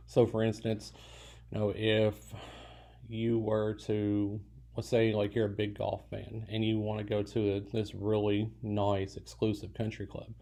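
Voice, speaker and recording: Gravelly low-voiced man lecturing casually. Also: flat delivery, takes it slowly, warm tone. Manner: casual, meandering, many fillers and restarts. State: yawning. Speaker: college lecturer. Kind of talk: recorded lecture.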